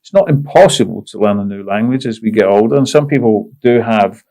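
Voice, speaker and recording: Male podcast host, mellow and gravelly, reflective and measured. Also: fairly low pitch, animated. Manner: measured, reflective, searching for words. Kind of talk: conversational podcast interview.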